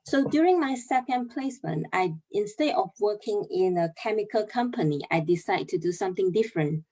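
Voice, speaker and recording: Her mid-range voice is expressive and darkish in tone. As a young chemical engineer from Malaysia presenting over video call, she explains things earnestly and step by step, with many pauses and fillers along the way.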